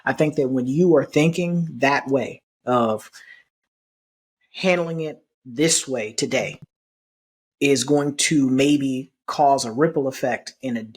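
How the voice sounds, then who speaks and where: Husky-voiced man podcast co-host. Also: medium pitch. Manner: measured, repeats phrases for emphasis. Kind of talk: casual reflective chat.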